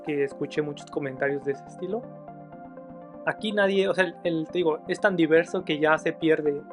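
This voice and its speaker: A Mexican man hosting an interview, talking in a reflective, rambling way with many fillers. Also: on the high side. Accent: Mexican Spanish. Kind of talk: casual conversational interview.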